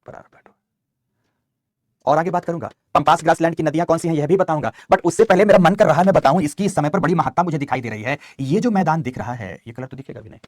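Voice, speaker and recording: A man's voice: a little high, no room sound, studio quality. A man teaching a geography map lesson. He repeats key terms and calls his students "beta". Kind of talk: online map lecture.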